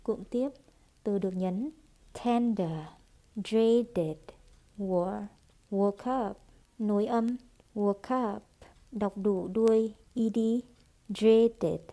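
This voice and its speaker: A woman teaching English pronunciation, reading phrases aloud at a slow, unhurried pace. Her voice is soft and mellow. She models each phrase deliberately for students to repeat. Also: medium pitch, fairly even intonation. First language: Vietnamese. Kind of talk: pronunciation drill lesson.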